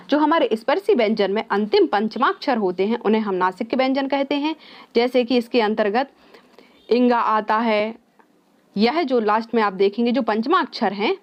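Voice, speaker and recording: A woman teaching an exam-prep lesson in a fairly high voice. She puts a question to the class and then answers it herself, dropping English words into her explanation. The recording sounds somewhat dull and lo-fi.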